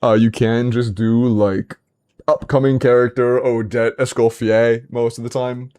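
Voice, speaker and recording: A man's voice: medium pitch, little pitch movement, a little slow, darkish tone, smooth. A man in his twenties, casually chatting on a livestream, playfully bantering with chat and laughing often. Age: 20s. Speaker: streamer. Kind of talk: casual livestream chat reviewing game accounts.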